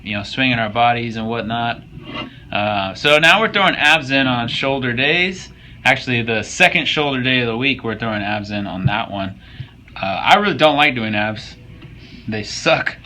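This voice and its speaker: A man's voice: mid-range voice, animated, normal speed, bright, forceful tone, a little hiss or hum, poor audio. A young man casually commenting on workout footage, joking and swearing as he coaches viewers. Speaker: fitness vlogger.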